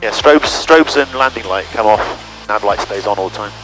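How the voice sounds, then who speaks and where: A man's voice: fairly low pitch, normal speed, a bit bright, soft background music, poor audio. A man chatting casually and briefing as an instructing pilot over a cockpit intercom headset. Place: small aircraft cockpit in flight.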